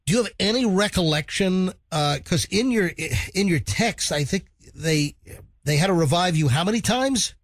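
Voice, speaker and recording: Morning radio DJ, higher-pitched man. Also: animated, normal speed, no echo. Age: middle-aged. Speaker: morning radio show host. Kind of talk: morning radio DJ interview chat.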